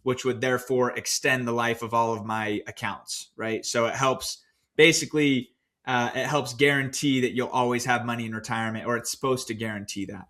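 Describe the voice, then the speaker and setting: A man co-hosting a podcast, recounting his own finance choices in a relaxed, storytelling way with plenty of fillers. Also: mid-range voice, a little fast. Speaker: podcast co-host. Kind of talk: casual podcast discussion.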